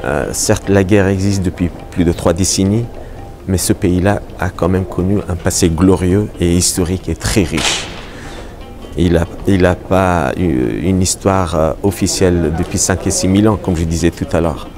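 Middle-aged Afghan man, deep, hesitant interviewee, lapel mic in a gallery with music behind. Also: fairly even intonation. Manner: halting, many fillers and restarts. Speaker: painter. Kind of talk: on-camera interview. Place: art gallery hall.

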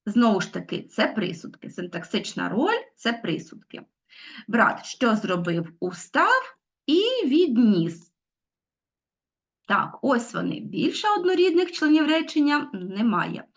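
A woman's voice: a little high, big pitch swings, unhurried, creaky. Middle-aged woman, schoolteacher, questioning her class, muffled lo-fi sound. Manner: explains step by step, asks pupils questions. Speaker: teacher. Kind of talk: recorded online lesson. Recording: dull lo-fi sound.

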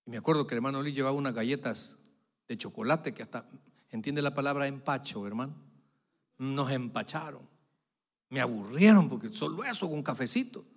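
A male pastor preaching a sermon to his congregation, swelling loud on key phrases and dropping low for asides. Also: a little fast. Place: church sanctuary. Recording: long reverb of a church hall.

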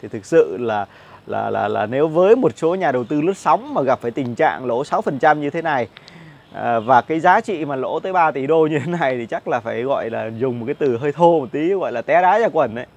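A man's voice: medium pitch, animated, a little fast, vocal fry. A man in his thirties giving casual stock market commentary outdoors on a lapel mic, chatty and full of fillers and repeated words. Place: outdoor cafe patio with plants.

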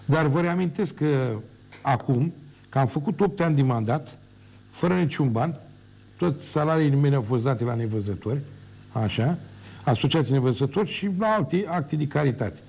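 A man's voice: mid-range voice, expressive, vocal fry, darkish tone, husky. An older man, a former mayor, ranting emphatically on his own TV show, repeating words for force. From Romania. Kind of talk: heated televised monologue.

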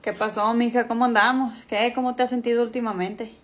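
A woman's voice: on the high side, little pitch movement, a little fast, lightly acted. A woman voicing an easygoing middle-aged father who teases and flirts with a laid-back drawl. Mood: flirty.

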